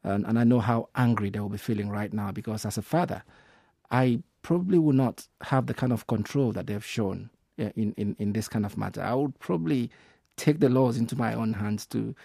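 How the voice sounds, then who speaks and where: A man's voice: lowish voice, a little fast, gravelly, dark tone, breathy edge, no room sound, studio quality. A Nigerian-born man, a filmmaker, speaking emotionally with many ums and repeated words. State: emotional, voice breaking. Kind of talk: emotional radio call-in comment.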